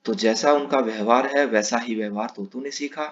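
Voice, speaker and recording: A male teacher reading a story aloud to young children, explaining slowly and kindly. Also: mid-range voice. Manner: warm, slow, explaining to children. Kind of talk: children's lesson read-aloud. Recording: dull lo-fi recording.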